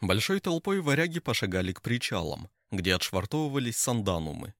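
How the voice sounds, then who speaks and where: A man narrating an audiobook with an expressive delivery. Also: fairly low pitch, brisk, dry recording, studio quality. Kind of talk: scripted narration.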